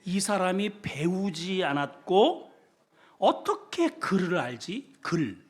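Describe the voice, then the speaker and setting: A male senior pastor preaching a sermon, asking the congregation questions, with sudden loud bursts and quiet low asides. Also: big pitch swings, slow pace. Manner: shouts often in his preaching; asks the congregation questions and has them repeat words.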